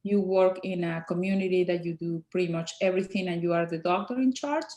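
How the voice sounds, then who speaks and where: Speaking softly and haltingly with plenty of fillers, a Mexican woman in her forties answers interview questions as a guest dentist. Spanish is her native language and her accent is Mexican. Her voice leans low, and the room echoes.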